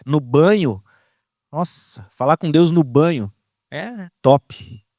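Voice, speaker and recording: A young man with a Brazilian accent preaching a casual, slang-filled sermon in an animated way. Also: a little high, takes it slowly, no room sound, clean studio sound. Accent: Brazilian Portuguese.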